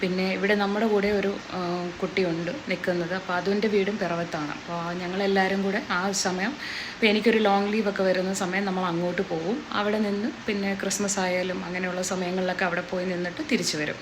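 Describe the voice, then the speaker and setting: A young woman with a Kerala Malayalam accent, narrating a casual family vlog at home in a soft, low voice. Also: level tone, fairly quick, background noise. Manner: soft and low when narrating, louder and coaxing with her grandmother. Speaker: vlogger.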